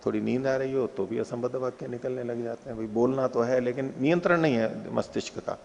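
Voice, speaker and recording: A man gives a philosophy lesson in a gravelly, creaky voice. He recites Sanskrit sutras at a slow pace and then explains them with plain examples. The voice carries a long, hall-like reverb. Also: medium pitch, darkish tone. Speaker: teacher of Nyaya philosophy. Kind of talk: explaining Sanskrit aphorisms in a spoken lecture.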